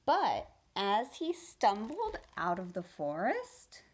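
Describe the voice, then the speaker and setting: A woman's mid-range voice carries an expressive, deliberate teacher-style read-aloud of a children's storybook.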